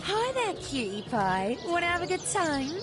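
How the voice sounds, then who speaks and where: High, cooing flirty temptress. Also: female voice, animated, a little slow, very noisy. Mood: seductive. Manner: coquettish, cooing. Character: flirty female tavern temptress beckoning customers. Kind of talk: video game character acting. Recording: loud music over voice.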